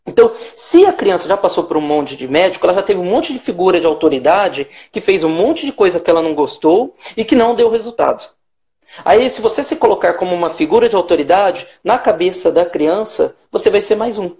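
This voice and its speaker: This hypnotherapist from Brazil has a high-pitched, darkish voice with lively intonation and a fairly quick delivery, plus a Brazilian Portuguese accent. As a guest on a live stream, he forcefully lays out his methods, performing brief quoted lines along the way.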